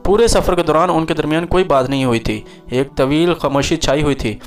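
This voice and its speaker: A man reading a dramatic romance story aloud as a storyteller, in a steady, even way. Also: fairly high pitch, fairly quick. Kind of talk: scripted story narration. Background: soft background music.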